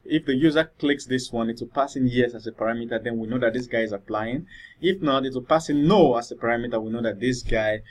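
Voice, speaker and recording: A man's voice: medium pitch, fast. Casual man talking through code. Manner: thinks aloud, many fillers and "all right?" checks. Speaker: coding tutor. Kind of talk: screen-recorded coding tutorial.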